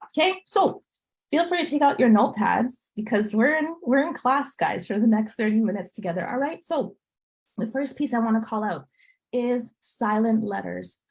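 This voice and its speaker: A woman's voice: fairly high pitch, a little mellow, poor audio. A woman tutor teaching a live online class to parents, upbeat and teacherly, often checking in with "okay?", heard through a video call. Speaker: French tutor.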